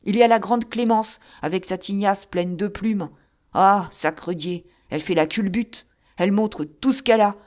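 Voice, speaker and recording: A woman voicing a delirious drunk man who yells frantically in rough slang. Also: medium pitch, moderate pace, lightly acted. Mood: raving.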